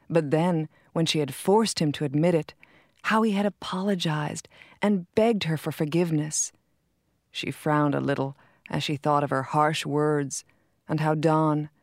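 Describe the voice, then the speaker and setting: A woman reads a short story aloud in a calm, measured way. Her voice sits low, and the recording is dry and close, with no room sound. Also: dry recording. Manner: calm, measured reading with soft quoted dialogue. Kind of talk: scripted narration of a short story.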